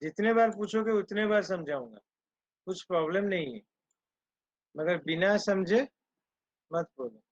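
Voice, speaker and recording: Male online lecturer. Slow, deliberate and stern with his class, on dull lo-fi call audio. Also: sits high, no echo. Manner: slow and deliberate, switching between Hindi and English, scolding the students. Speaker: teacher.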